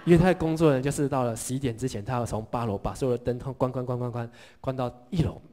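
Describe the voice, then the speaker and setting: A middle-aged male pastor delivers a sermon in a mid-pitched voice. He tells the story with lively energy, asks the congregation questions and leads them in call-and-response lines. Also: rapid-fire.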